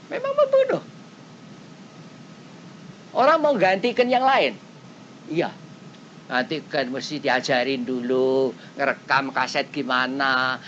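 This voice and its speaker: A woman preaching a sermon in plain everyday talk, often turning straight to her listeners and swinging between loud high exclamations and quiet low asides. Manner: speaks in plain everyday phrasing, often addressing listeners directly. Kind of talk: colloquial sermon to a congregation. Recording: dull lo-fi cassette with faint rumble.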